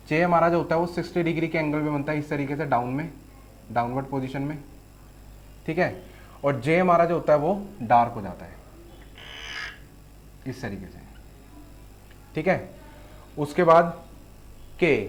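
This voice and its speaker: A man's voice: on the high side, slight background noise. Patient male shorthand teacher. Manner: patient, explains step by step with frequent "theek hai". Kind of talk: online lesson with board demo.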